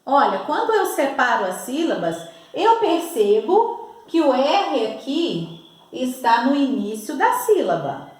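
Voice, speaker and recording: A woman's voice: high-pitched, very animated, slow pace, a little mellow. Brazilian woman, primary teacher, spelling lesson, over-enunciated, very echoey room. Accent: Brazilian Portuguese. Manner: patient, over-enunciating, addresses the child directly. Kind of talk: slow, sing-song spelling lesson for young children.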